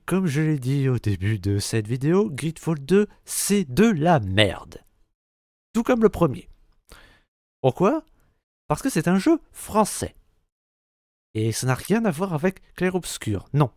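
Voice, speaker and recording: A man's voice: mid-range voice, a little mellow, no echo, studio quality. A man from France ranting crudely and sarcastically in a reaction video, full of profanity. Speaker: youtuber reacting to a trailer. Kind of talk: angry reaction rant.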